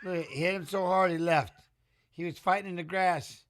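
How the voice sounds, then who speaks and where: A middle-aged man hosting a live fight watch-along, chatty and excitable, talking to the viewers as he calls the action. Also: high voice, normal speed. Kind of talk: casual live fight commentary.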